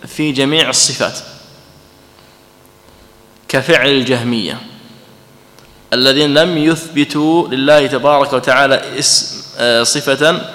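A man gives a religious lesson, taking the text apart point by point and checking in with his listeners now and then. His voice is bright and forceful, and it rings with the long echo of a hall. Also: fairly high pitch. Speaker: sheikh teaching a text. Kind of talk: lecture commenting on a read text. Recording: echoey hall.

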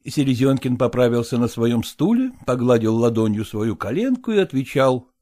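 A man narrating a classic novel in an even, expressive reading. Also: medium pitch, moderate pace. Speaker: audiobook reader.

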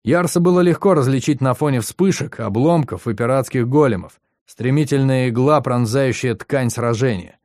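A man reads a scripted audiobook narration in a steady, measured manner. His pitch is medium, and the studio-quality recording is dry.

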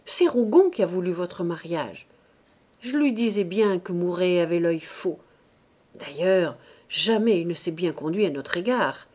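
A woman's voice: high-pitched, sing-song, measured pace, a little mellow, voice pushed up, full character voice. A woman voicing an elderly self-righteous bourgeois mother who laments plaintively in an audiobook. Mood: indignant lament. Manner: indignant, plaintive.

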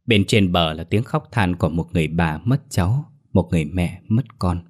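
Deep-voiced storyteller. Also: male voice, expressive, normal speed. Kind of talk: ghost story narration.

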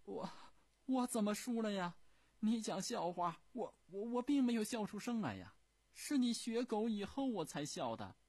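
A man's voice: on the high side, huge pitch swings, measured pace, breathy edge, dry recording, voice pushed up, exaggerated voice. A man voicing an aging, imperious empress who teases her servant. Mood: teasing. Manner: imperious, teasing. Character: aging imperious empress, teasing yet fearful.

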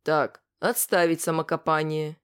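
A woman narrator plays a composed young man who speaks calmly and firmly, with a gentle teasing tone. The reading stays in her own lowish voice, as in a storybook. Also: unhurried, clean tone. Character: calm, kind young man, steady and firm.

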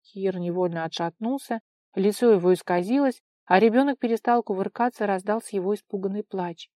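A woman's voice: mid-range voice, a little fast, warm tone, dry recording. A woman reading an audiobook as narrator, telling the story expressively and dramatically.

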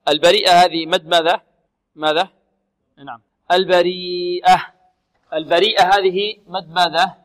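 A man teaching Quran recitation, who asks and answers his own questions and repeats single words slowly as examples. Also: on the high side. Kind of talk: tajweed lesson. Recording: long hall reverb.

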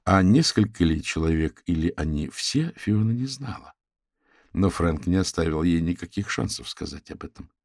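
A man narrating a humorous detective audiobook in a steady, wry storytelling manner. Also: low-pitched, moderate pace, gravelly, no echo, studio quality.

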